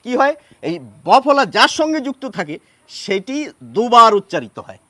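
A man teaching as he writes, patient and unhurried, pausing often with fillers. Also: very high-pitched, very animated, sharp tone, no echo. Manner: patient, with many pauses and fillers. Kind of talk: explaining Bengali pronunciation at a board.

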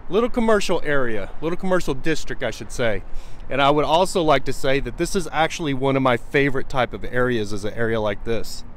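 A man in his forties chatting casually to viewers outdoors on a quiet road, filming himself with a handheld camera at arm's length. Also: mid-range voice, a little fast. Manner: relaxed and chatty, talking to viewers. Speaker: vlogger. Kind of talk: casual vlog. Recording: faint outdoor traffic noise.

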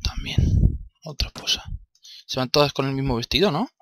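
In a dry recording, a young man from Spain with a Spanish accent narrates his gameplay for a let's play, his mid-range, fairly bright voice swinging hugely in pitch at normal speed. He's exasperated, talks to himself, and grumbles and swears constantly.

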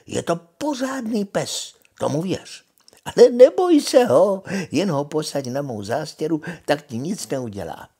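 An older grandfather voicing a scheming old witch woman in a read-aloud fairy tale, pushing her words high and coaxing. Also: sing-song, warm tone, slightly rough, exaggerated voice.

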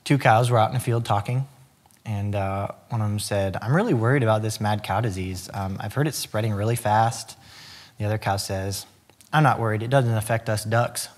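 A middle-aged man with a fairly low voice tells clean jokes in casual back-and-forth. He spins them out like little folksy stories, quoting each character. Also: moderate pace. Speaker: contestant in a joke-telling challenge. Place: indoor studio set.

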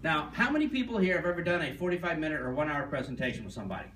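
A man leads a live sales seminar, quizzing the room and telling stories. His voice sits fairly high. He sounds distant and roomy, with faint noise behind him. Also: racing. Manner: animated, quizzes the audience, tells stories. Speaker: sales trainer.

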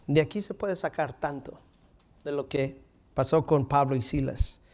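Standing on an indoor stage before a curtain, a thirtysomething pastor gives a sermon in a rather high voice at a slightly slow pace. He preaches energetically, pressing into forceful lines before sinking to almost-whispered, intimate phrases. The sound comes from a room mic on the far side of the stage.

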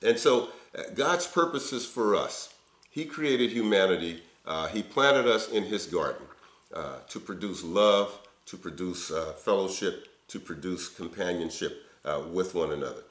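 Older pastor with a low voice. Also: male voice, animated, unhurried, a bit bright, reverberant. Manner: earnest, conversational preaching with frequent uh fillers. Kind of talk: sermon. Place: indoor office before window blinds.

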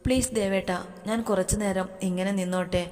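A woman's voice: medium pitch, steady tone, a little fast, darkish tone, natural voice. A woman voicing an emotional young wife who pleads, sulks and teases in a storybook reading. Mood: pleading. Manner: pleading, sulky, teasing. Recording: long hall reverb.

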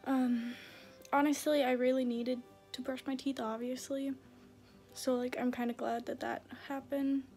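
A woman's voice: sits high, little pitch movement, unhurried, dark tone, soft background music. A young adult woman giving a casual video diary update, rambling hesitantly and often saying "like". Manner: hesitant, filler-heavy rambling with frequent "like". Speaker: vlogger.

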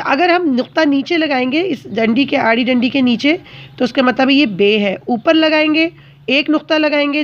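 A woman's voice: a little high, dull audio. A woman teacher giving a patient, step-by-step handwriting lesson to children, often checking that they follow.

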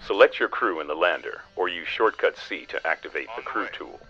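An actor playing a steady, pragmatic spaceship captain, giving serious military briefings in a scripted game. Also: male voice, low voice, a little fast, highs cut off. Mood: instructive. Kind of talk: scripted game mission dialogue.

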